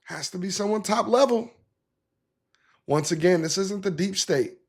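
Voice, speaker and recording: A man's voice: high voice, animated, moderate pace, gravelly. A man hosting a political commentary show, talking in an emphatic, conversational way and reacting to the clips he plays. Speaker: podcast host.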